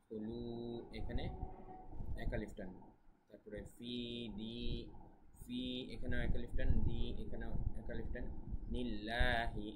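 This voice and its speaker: A man teaching Quran recitation, chanting verses slowly and explaining pronunciation rules in a soft, conversational voice. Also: medium pitch, flat delivery. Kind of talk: tajweed lesson with Bengali explanation. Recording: loud background noise.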